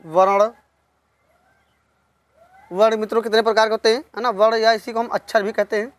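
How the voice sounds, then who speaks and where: A woman teaching a lesson on poetics, slowly repeating key terms and asking questions that she then answers herself. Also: fairly high pitch, flat delivery, no room sound. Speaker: Hindi literature teacher. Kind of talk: online exam-prep lesson.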